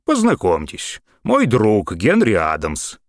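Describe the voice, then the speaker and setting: A feisty old man crows and needles with loud, folksy swagger, as a male reader puts him on. His voice sits high and bursts with energy. The sound is dry and close, as in a studio audiobook. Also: wildly swooping pitch, takes it slowly, dry recording, exaggerated voice. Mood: gleeful.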